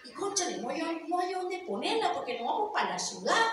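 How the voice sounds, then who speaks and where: A woman's voice: very high voice, sing-song, fairly quick, background noise. A woman voicing a frightened, tearful peasant boy who pleads and stammers. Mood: pleading. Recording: very echoey, from a distance.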